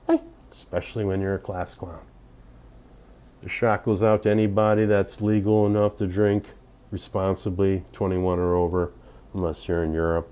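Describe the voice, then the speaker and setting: A man's voice: deep voice, flat delivery, normal speed, warm tone, clean tone. A man in his fifties rambling drunkenly and boastfully in a casual livestream chat. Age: 50s. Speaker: livestream host.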